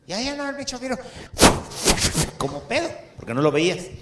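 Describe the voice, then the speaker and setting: A man's voice: very high-pitched, big pitch swings, fast, echoey room, very noisy. A man with a Mexican Spanish accent, telling raunchy stand-up jokes in a crude, profane, playful way.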